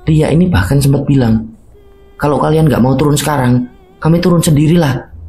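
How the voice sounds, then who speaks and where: A man's voice: mid-range voice, warm tone, a little hiss or hum. A man narrating a mountain horror story in a casual spoken storytelling manner.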